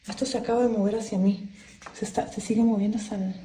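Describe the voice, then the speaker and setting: A woman's voice: medium pitch, fairly even intonation, fast, warm tone, reverberant, slight background noise, low-quality recording. A nervous woman filming on her phone in her bedroom at night, anxiously repeating herself and asking who is there. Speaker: homeowner filming a haunting. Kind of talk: frightened phone-video commentary. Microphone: phone camera.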